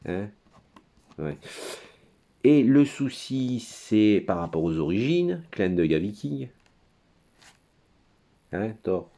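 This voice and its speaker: A man's voice: fairly low pitch, sing-song, slow, long pauses, dark tone. A man giving a rambling, crude monologue at his computer, full of hesitations and digressions. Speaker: commentator.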